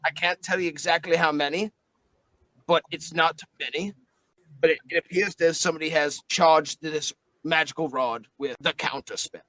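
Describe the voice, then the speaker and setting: A man voicing a chatty, excitable magical book familiar with a New Zealand accent, bright and playful in a tabletop game. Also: a little high, normal speed, dry recording, poor audio. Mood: matter-of-fact.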